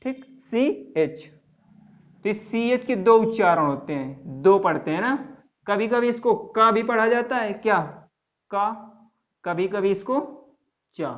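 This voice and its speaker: A man's voice: sits high, slow, fairly bright tone. A man teaching English grammar to a class, spelling words letter by letter and quizzing students with repeated questions. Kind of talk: classroom lesson. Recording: dull lo-fi sound.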